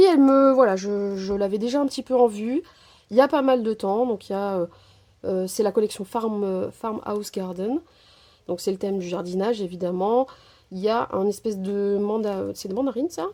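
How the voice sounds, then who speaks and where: A woman with a warm, mellow voice chats through a craft haul in a relaxed, rambling way. She hesitates often and leans on small fillers. She is talking into a phone camera. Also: mid-range voice. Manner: chatty, filler-heavy, keeps saying "voilà". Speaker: crafting vlogger. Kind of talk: casual haul chat.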